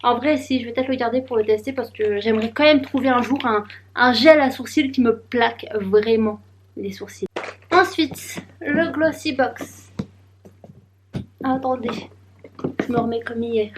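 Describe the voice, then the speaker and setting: Young female vlogger, light higher voice, rambling casual chatter. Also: steady tone, normal speed, background noise. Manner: chatty, giggly, rambling aloud while unboxing. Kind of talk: casual vlog chat.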